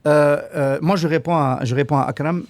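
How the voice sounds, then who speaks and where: A man's voice: fairly high pitch, fairly even intonation, moderate pace, no room sound. A man from Algeria on a radio panel discussion, hesitant and full of repeated words and fillers.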